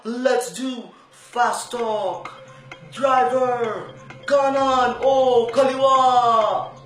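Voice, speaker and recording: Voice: mid-range voice, steady tone, extremely slow, fairly bright tone, roomy sound, far from the mic, faint music behind. Someone doing a hyped quiz-show announcer.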